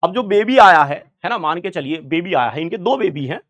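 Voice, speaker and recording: A man's voice: high-pitched, expressive, brisk, fairly bright tone, dull audio. A young man teaching biology in an online exam-prep lecture, chatty, keeps checking in with students. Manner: chatty, keeps asking "right, sir?" to students.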